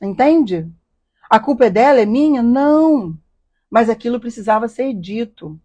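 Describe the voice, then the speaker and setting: A woman's voice: on the high side, lively intonation, a little slow, warm tone, dull audio. A woman hosting a live stream, telling a personal story in an earnest, emotional way and often asking rhetorical questions. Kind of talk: confessional personal talk.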